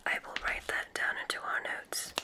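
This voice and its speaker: Playing a benevolent witch who examines the listener, the ASMR performer whispers in a gentle, measured manner, calming and softly approving.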